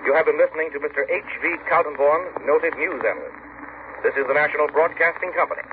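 A man's voice: fairly high pitch, quick pace. An American man making a formal network announcement in 1940s radio style. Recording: noisy, tinny 1940s radio broadcast.

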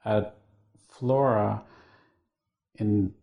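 Host-type man, gravelly fry in the voice, hesitant questions. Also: lowish voice, steady tone, phone-quality sound. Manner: halting, hesitant questioning with many fillers. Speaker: interviewer, host. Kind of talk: interview questions.

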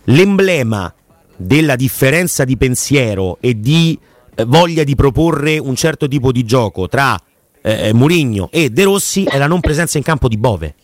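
A man's voice: mid-range voice, lively intonation, normal speed, dry recording. A man hosting a casual football chat, analytical and hesitant, with many fillers.

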